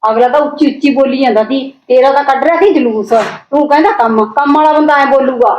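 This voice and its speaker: A woman's voice: sits high, fast, roomy sound, dull audio, slight background noise, close to an everyday voice. A middle-aged woman playing a headman's wife in a short film, taunting and scolding her husband. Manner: sharp-tongued, taunting. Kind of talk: amateur short film acting.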